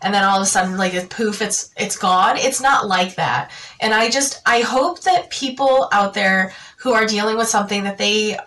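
A young woman talking to camera in a personal vlog, halting and full of fillers and restarts, jittery and tearful. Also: medium pitch, fairly bright tone, far from the mic, poor audio. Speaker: vlogger.

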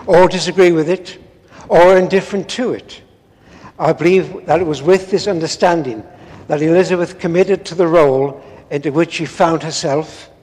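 An older man, a priest preaching a measured, earnest sermon read from notes in a large stone church. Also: a little high, a little mellow. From England. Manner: measured, earnest, with solemn pauses. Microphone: far camera, no visible mic. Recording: long church reverb.

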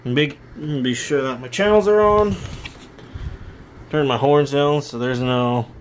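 A young man hosts a home vlog, giving a casual handheld video demonstration in his bedroom and home workshop. His medium-pitched voice moves a little slowly, captured by the camera or phone he holds, with a little hiss or hum.

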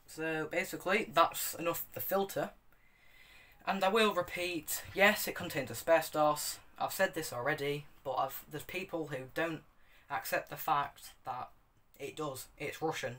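Higher-voiced young man, rambling casually. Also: normal speed, bright, forceful tone. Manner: rambling, self-correcting, hands-on demonstrating. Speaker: hobbyist video reviewer. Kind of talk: casual unscripted product review.

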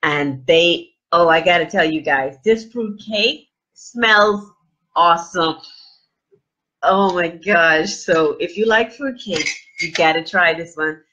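This middle-aged livestream host talks slowly in a lowish, slightly husky voice during a casual live unboxing chat, animated and gushing with lots of oohs and fillers. She is in a small room with a plain wall, recorded by a desk-distance webcam that makes the audio dull and lo-fi.

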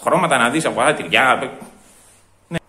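A man playing a fussy, complaining male shopper at a supermarket cheese counter, in a one-man comedy sketch, ranting loudly and muttering asides. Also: mid-range voice, lightly acted. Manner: loud indignant ranting, repeats himself, muttered asides.

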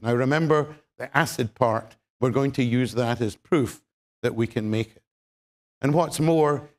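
A man with a Scottish accent giving a public science lecture, measured and explanatory, with frequent ums and dry humor. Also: medium pitch. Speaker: chemistry lecturer.

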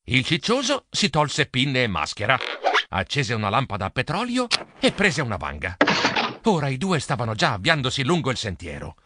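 A man narrating a children's audiobook in a playful, animated storytelling manner. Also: medium pitch, normal speed, slight background noise.

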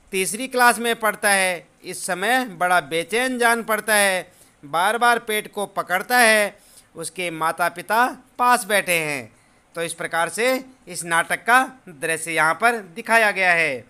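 A man's voice: sits high, pushed and bright, clear, resonant tone. A male teacher explaining a play to schoolchildren, asking the class questions and answering them himself. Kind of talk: lesson explanation to children.

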